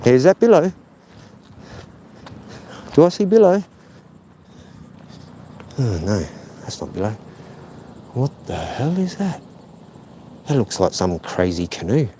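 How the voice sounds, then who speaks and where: A middle-aged man chats on a casual live stream from his phone while walking by a lake. He rambles, corrects himself and pokes fun at himself, with a voice of ordinary pitch. Faint outdoor noise hums behind him. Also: very animated, slow, long pauses, dark tone. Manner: chatty, meandering, self-deprecating, many fillers.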